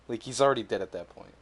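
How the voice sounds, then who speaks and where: A young man co-hosting a podcast in casual chat, rambling and swearing freely, laughing often. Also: medium pitch. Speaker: podcast co-host.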